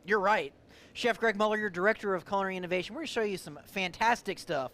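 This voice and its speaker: A man's voice: high-pitched, quick pace, a bit bright. An American man, a chef co-hosting a cooking show with casual banter. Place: open breezeway at a company headquarters, small audience nearby. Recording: light background noise of an open breezeway.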